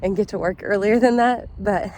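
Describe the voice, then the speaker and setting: A woman with a slightly raspy voice, chatting casually to camera as a vlogger. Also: medium pitch, normal speed, darkish tone. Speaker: vlogger hosting a week-in-my-life video. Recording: clear background noise, ambience.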